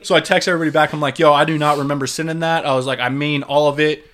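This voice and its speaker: A man's voice: fairly high pitch, steady tone, racing, fairly bright tone. A man co-hosting a casual chat, telling rambling stories full of swearing, "like" and "dude". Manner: rambling storyteller, swears freely, lots of "like" and "dude".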